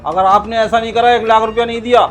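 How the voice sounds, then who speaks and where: Greedy pushy father-in-law, played by a man, pitched up, music behind. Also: little pitch movement, fast. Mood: demanding. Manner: threatening, demanding. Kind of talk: web-series family drama acting. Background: background music.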